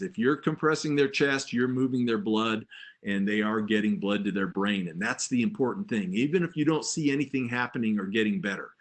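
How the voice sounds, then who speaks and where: A man teaching first aid in an informal, plain-spoken and reassuring way, explaining things conversationally as an instructor. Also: medium pitch.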